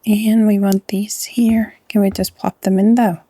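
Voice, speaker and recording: Soft-spoken Norwegian woman gaming. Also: mid-range voice, flat delivery, a little slow, husky, dry recording. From Norway. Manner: chatty, often drops to a soft half-whisper. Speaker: gaming channel host. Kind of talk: casual let's-play commentary.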